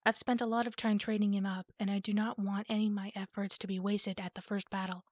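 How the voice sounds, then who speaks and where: A woman's voice: medium pitch, little pitch movement, quick pace, dry recording, lightly acted. A woman voicing a big, scarred male warrior cat in a storybook reading, confident and commanding.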